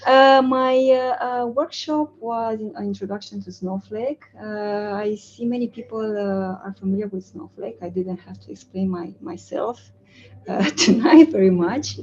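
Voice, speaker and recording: A woman's voice: mid-range voice, a little mellow, highs cut off, slight background noise. A young woman from Romania giving a casual talk at a community meetup, hesitant with many fillers and frequent laughs, recorded from a far camera in a large indoor room. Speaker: community speaker.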